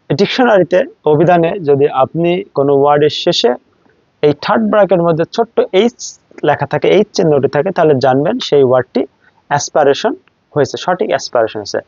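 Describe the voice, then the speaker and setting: A man's voice: fairly high pitch, animated, brisk, a little mellow, dry recording. A man with a Bangladeshi accent teaching English pronunciation, drilling words aloud and contrasting wrong and right forms. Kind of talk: classroom-style lesson. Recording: dry, slightly muffled recording.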